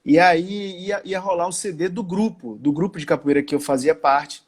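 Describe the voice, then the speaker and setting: A man from Salvador, a guest on a live-stream interview from home, talking in a relaxed, slangy way. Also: sits high, normal speed, breathy edge. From Salvador, Bahia, Brazil. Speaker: actor guest. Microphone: video call.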